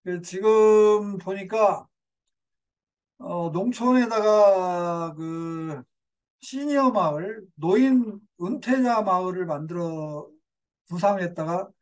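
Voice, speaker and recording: A man's voice: high voice, takes it slowly. An older man giving a community lecture in a digressive way, with fillers and self-corrections.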